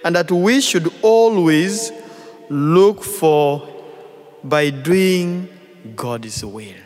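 A Ugandan man serving as a visiting priest, giving a mission appeal homily at Mass with a slow, deliberate, phrase-by-phrase delivery into a pulpit microphone. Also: a little high, expressive, a little mellow, faint music behind. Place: large church. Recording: long church reverb.

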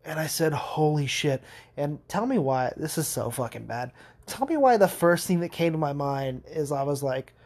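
A man's voice: on the high side, expressive, moderate pace, darkish tone. A young man hosting a podcast, telling rambling stories in a casual monologue, swearing a lot and laughing as he goes. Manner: rambling, profane, laughing storyteller. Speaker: podcast host.

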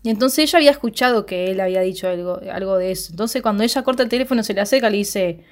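A young woman with an Argentine Rioplatense accent, recapping a TV series in casual chat. She tells the story with energy and jumps up in pitch to act out what the characters say. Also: racing. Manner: animated storyteller, jumps high to act out quoted lines.

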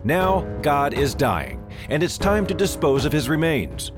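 A man's voice: fairly high pitch, wildly swooping pitch, unhurried. A man narrating a scripted, tongue-in-cheek intro in a mock-ominous, theatrical manner. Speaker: intro announcer. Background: music.

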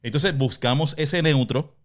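A man's voice: a little high, unhurried, fairly bright tone. A Puerto Rican man hosting a casual conversation, asking questions and steering the talk. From Puerto Rico. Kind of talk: casual chat.

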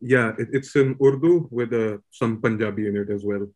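A man in his thirties from Pakistan, a rapper calmly telling his story on a podcast, English not his first language. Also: medium pitch, moderate pace. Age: 30s. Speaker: rapper guest. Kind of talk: casual podcast chat.

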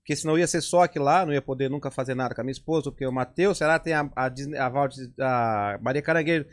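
Fast-talking Brazilian comedian man. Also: medium pitch. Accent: Brazilian Portuguese. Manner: animated, jumps into lewd joke voices. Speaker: comedian guest. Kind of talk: casual podcast chat telling jokes.

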